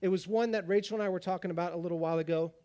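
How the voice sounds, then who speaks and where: This male preacher speaks quickly and with plenty of energy, his voice high-pitched with a touch of rasp. His sermon feels like a lively conversation with the people in the pews.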